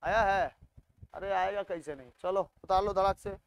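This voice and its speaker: A man's voice: sits high, moderate pace, creaky. A man, working through textbook maths problems aloud as a tutor, coaxing students with questions he then answers.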